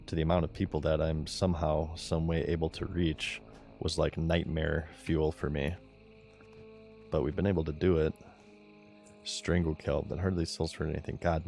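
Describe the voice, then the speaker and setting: Monotone, deep-voiced man, low-key streamer. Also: creaky. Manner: low-energy, unforced delivery. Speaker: game live streamer. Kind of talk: casual chat while gaming.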